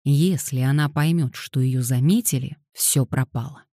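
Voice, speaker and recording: A woman's voice: extremely low pitch, normal speed, warm tone, no echo, studio quality. A woman reading an audiobook voices an impatient boy who snaps and growls at his little sister with sarcasm. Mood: urgent. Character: boy, impatient and grumpy older brother.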